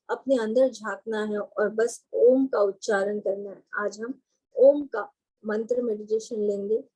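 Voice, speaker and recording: A woman leads a guided meditation lesson in a slightly high, mellow voice. She talks very slowly and gently, pausing and hesitating softly as she explains each step to the listener. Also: husky, low-quality recording. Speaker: meditation instructor.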